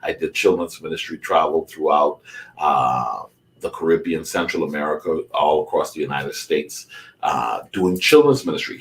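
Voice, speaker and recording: Deep-voiced man from the Bahamas, earnest. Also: recorded from a distance. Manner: earnest, preacherly motivational delivery. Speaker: guest, life coach. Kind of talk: conversational talk show interview.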